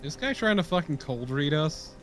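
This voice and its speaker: A man's voice: a little high, expressive, normal speed, a bit bright, faint music behind. A man chatting casually as a companion on a game stream. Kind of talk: casual chat.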